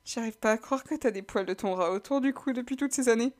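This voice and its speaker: A woman's voice: on the high side, quick pace, close to an everyday voice. A woman reading aloud and voicing a blunt, sarcastic young woman. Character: sharp-tongued young woman.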